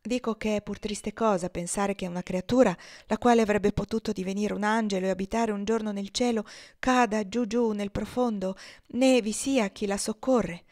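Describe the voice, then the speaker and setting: A woman voicing a gentle, frail young girl who speaks softly and earnestly, read aloud from a storybook. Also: medium pitch, fairly even intonation, moderate pace, hardly any pauses, close to an everyday voice.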